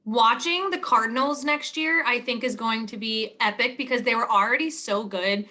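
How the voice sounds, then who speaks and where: A woman's voice: on the high side, normal speed, sharp tone. A young woman co-hosting a casual sports podcast, playful and teasing in her banter. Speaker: podcast co-host.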